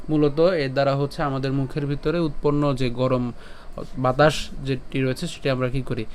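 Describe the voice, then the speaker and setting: A man with a Bengali accent giving a step-by-step pronunciation lesson, chanting a verse slowly syllable by syllable and asking and answering his own questions. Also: a little high, darkish tone, clean tone. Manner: slow, syllable-by-syllable chanting of verses between explanations. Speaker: Sanskrit recitation teacher.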